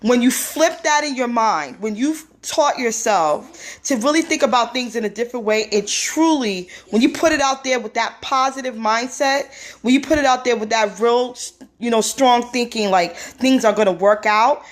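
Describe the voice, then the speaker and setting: A woman's voice: on the high side, moderate pace. A woman hosting a casual phone live stream, telling a personal story in a talkative way with many fillers.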